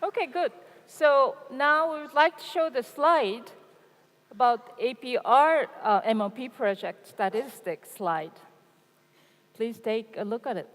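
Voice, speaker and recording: A woman's voice: fairly high pitch, measured pace, a bit bright. A woman moderating a conference panel, earnest, with nervous laughs and fillers. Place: large conference hall. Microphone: handheld microphone. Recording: echoey conference hall.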